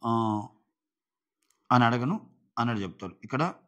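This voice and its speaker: Male show reviewer, mid-pitched, chatty recap full of paraphrased quotes and fillers, slightly dull recording. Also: sing-song, moderate pace, fairly bright tone. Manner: retells house conversations in paraphrased quotes, many filler sounds. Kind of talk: casual recap commentary.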